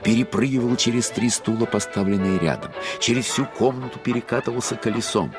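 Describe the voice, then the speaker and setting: An actor playing a grown man wistfully recalling his boyhood, in reflective, measured literary narration. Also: medium pitch, over music, natural voice. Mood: fond.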